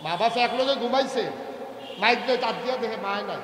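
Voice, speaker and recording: Man preacher, chanted sermon, high bright voice, long reverb over a PA. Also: a little fast, heavy background noise. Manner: swings from hushed storytelling to sung, shouted wails. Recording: echoey open-air PA, distant.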